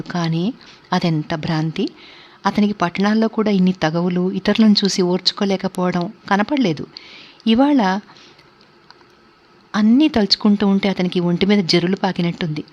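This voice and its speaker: A woman narrating a novel aloud in a steady, measured reading. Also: mid-range voice. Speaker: audiobook narrator. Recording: dull lo-fi recording.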